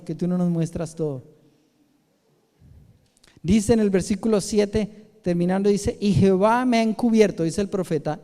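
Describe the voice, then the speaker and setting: High-voiced Colombian pastor preaching. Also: male voice. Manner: animated storytelling, acting out quoted voices, emphatic. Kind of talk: sermon. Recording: long hall reverb.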